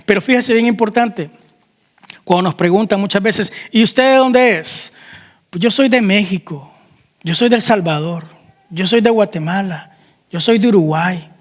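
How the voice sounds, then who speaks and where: A man's voice: high voice, normal speed, long reverb tail. A man preaching a sermon as pastor, asking the congregation questions and calling out amen. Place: church hall.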